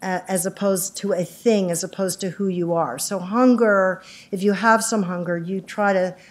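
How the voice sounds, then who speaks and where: A woman's voice: medium pitch, fairly even intonation, normal speed. A middle-aged woman psychiatrist giving an informal community talk, chatty and self-deprecating, with lots of fillers and restarts. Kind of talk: informal lecture.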